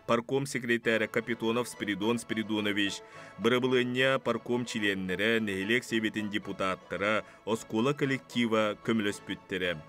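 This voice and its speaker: A man giving formal, scripted narration in a 1970s archival newsreel, reading out names and titles in an even manner. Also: on the low side. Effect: 1970s archival newsreel voice-over.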